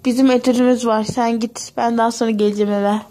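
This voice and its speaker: A woman's voice: fairly high pitch, flat delivery, quick pace, mellow. A young woman performing every part of a homemade pony toy story, switching between chatty playful character voices.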